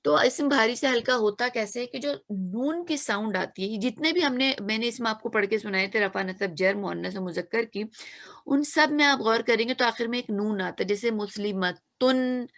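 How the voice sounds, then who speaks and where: A woman's voice: fairly high pitch, moderate pace, fairly bright tone. A woman teaching a grammar lesson, patiently repeating examples and checking that students follow. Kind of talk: explanatory lesson.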